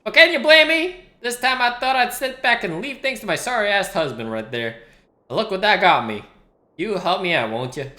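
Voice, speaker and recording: A game streamer reading the lines of a fierce, sharp-tongued middle-aged mother and wife in a brusque, scolding way. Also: mid-range voice, animated, normal speed, voice pushed up. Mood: friendly. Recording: roomy sound with game music.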